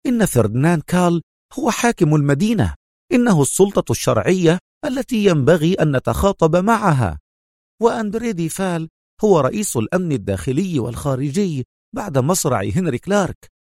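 A man's voice: fairly high pitch, sing-song, a little fast, a little mellow, dry recording, studio quality, voice pushed up. A man voicing an anxious, cautious male diplomat in a spoken story, with a tense, raised voice.

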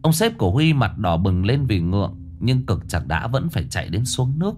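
Expressive male ghost-story narrator. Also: medium pitch, moderate pace. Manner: expressive, suspenseful reading.

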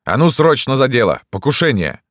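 A man's voice: on the low side, animated, normal speed, a bit bright, dry recording, clean studio sound. A man voicing a brusque, commanding servant of an emperor in an audiobook, barking orders. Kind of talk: audiobook character voice.

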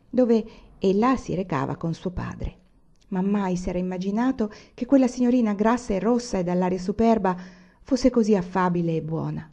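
A woman reading a literary novel aloud in a measured, expressive way. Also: lowish voice, highs cut off. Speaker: audiobook reader. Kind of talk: literary audiobook narration.

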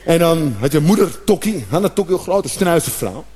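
A man performing a stand-up comedy routine in a notably high voice. He tells his bits with animated energy and bursts into shouts and acted-out noises. A faint ambient hum sits underneath. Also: moderate pace.

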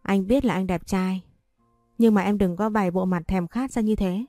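A woman's voice: medium pitch, moderate pace, mellow, no echo, clean studio sound, faint music behind, lightly acted. Woman reading a teasing confident young husband. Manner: playful, teasing.

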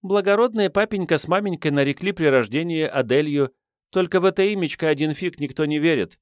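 A man's voice: fairly high pitch, fairly quick, clean tone, dry recording, clean studio sound, pitched above the performer's own voice, lightly acted. A man voicing a cheeky, scruffy homeless teenage girl who talks brashly in street slang, in an audiobook. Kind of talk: audiobook reading.

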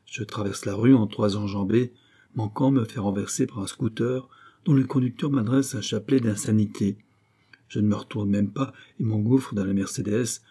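Man, audiobook narrator, first-person novel, measured, mellow, husky. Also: lowish voice.

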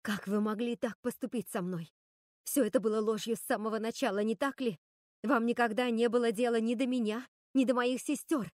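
A woman's voice: a little high, fairly even intonation, brisk, darkish tone, dry recording, studio quality, close to an everyday voice. A woman voicing Gothel, a hurt and angry witch who accuses her sisters. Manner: pleading, accusing, tearful.

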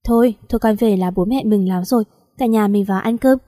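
A woman's voice: medium pitch, a little fast, dark tone, dry recording, studio quality, lightly acted. A woman voicing a loving, emotional village mother in a read-aloud story.

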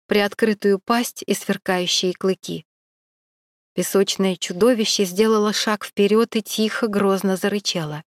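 Woman audiobook narrator, measured and even, mid pitch, dead-dry close mic. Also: no room sound. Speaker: audiobook reader. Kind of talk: scripted narration.

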